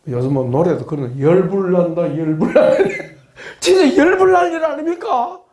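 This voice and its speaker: Animated preaching man in a roomy room. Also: fairly high pitch. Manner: animated, asks the class rhetorical questions; humorous, acts out blunt reactions. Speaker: pastor teaching a class. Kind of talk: sermon-style Bible lecture. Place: classroom of a study institute.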